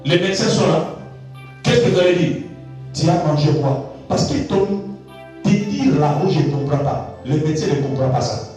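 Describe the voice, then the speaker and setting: A high-voiced man preaches a sermon, repeating phrases and swinging from low asides to shouted high lines. He sounds far from the mic in a very echoey church hall with faint music behind. His delivery is emphatic and rhythmic. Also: lively intonation, moderate pace. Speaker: pastor.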